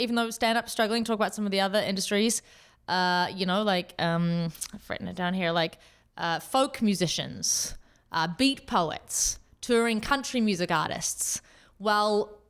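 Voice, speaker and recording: Female stand-up, higher voice, deadpan ironic asides. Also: clear, resonant tone. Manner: dry, ironic delivery with asides and filler ums. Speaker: stand-up comedian. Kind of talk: stand-up set. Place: comedy room with no audience.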